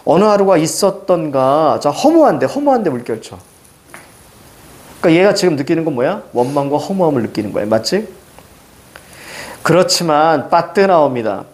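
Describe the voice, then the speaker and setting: Middle-aged guy teaching lit for exams, pitch jumps all over, fairly high voice, keeps quizzing the class. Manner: animated, asks quick questions to students. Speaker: Korean literature teacher. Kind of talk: exam-prep lecture.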